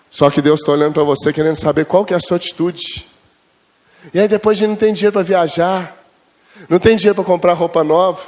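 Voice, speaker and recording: A man from preaching in a high voice. He tells chatty stories to his congregation, calls them brothers, and acts out conversations with God, climbing higher and louder. It sounds like a sermon given live in church. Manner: acts out quoted dialogue with God, rising high and loud. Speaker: pastor.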